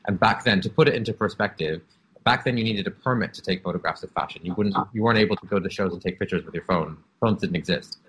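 Speaking fast in a low, fairly bright voice, a Canadian interview guest in his thirties candidly recounts his life story with plenty of "um"s and "like"s. He's open and reflective. The recording is rough, with a little hiss or hum.

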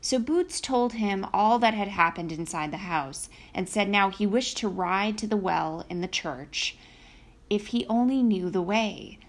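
A woman narrates a fairy tale as a storyteller. Her delivery is expressive and unhurried, with a mid-range voice. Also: medium pitch.

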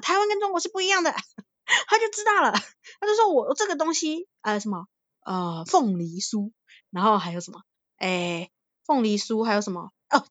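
Woman from Thailand, podcast co-host, casual animated storyteller, fairly high voice, dry close sound. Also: no room sound. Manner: animated, laughs often, acts out quoted voices.

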